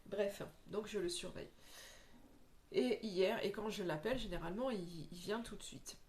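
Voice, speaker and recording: A woman's voice: medium pitch, normal speed, a little mellow. A woman who works as a medium, talking in a casual spiritual vlog, rambling earnestly with many restarts. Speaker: medium giving oracle card readings.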